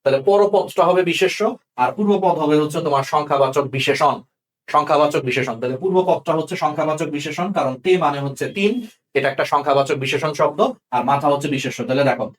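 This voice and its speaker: Young man, tutor, rapid delivery, slightly high voice, keeps asking if students follow. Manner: checks understanding often with quick questions. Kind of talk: exam-prep grammar lesson.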